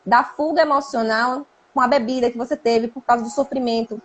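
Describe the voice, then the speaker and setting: A Brazilian woman hosts a casual spiritual talk in a fairly high voice. She explains her ideas reflectively and keeps asking her listeners to agree. Faint background noise runs under her speech. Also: fairly even intonation, a little fast. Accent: Brazilian Portuguese. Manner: reflective, explains with many tag questions. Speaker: host.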